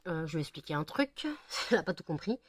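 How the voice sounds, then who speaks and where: A woman's voice: low voice, big pitch swings, fast talker. A tired woman vlogging casually at home, rambling with many fillers and talking to her dog. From France. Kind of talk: casual home vlog chat. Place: home indoors.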